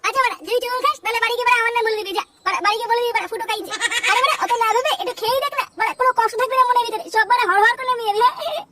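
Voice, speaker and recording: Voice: very high-pitched, racing, very noisy. A performer voicing a cocky, foul-mouthed teenage boy who brags and coaxes his friend in a cartoon comedy. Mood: coaxing. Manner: crude swearing, boastful, coaxing.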